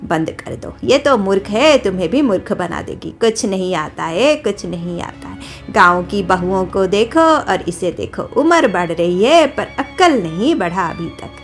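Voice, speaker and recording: A woman voicing a sharp-tongued, scornful old grandmother-in-law in a cartoon story, muttering slow mockery. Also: medium pitch, very animated, soft background music. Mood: mocking scorn. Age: older.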